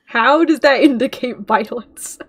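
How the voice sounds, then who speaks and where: A young woman hosting a casual reaction chat, swearing freely, laughing often and talking in quick bursts. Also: a little high, slightly rough. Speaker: reaction video host. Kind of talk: casual commentary chat while watching a show.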